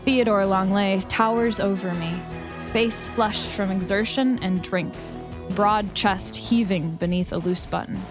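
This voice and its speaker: Slow, expressive woman reading aloud. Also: mid-range voice, over music. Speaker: streamer. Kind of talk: reading a story game aloud on a live stream.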